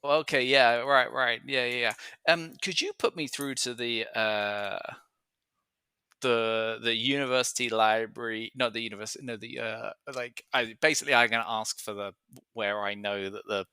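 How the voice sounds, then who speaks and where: A man's voice: mid-range voice, steady tone, normal speed, bright, forceful tone, clean tone, no echo. A man, a player in a tabletop game, talking in a hesitant casual way with many fillers. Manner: hesitant, lots of fillers, laughing asides.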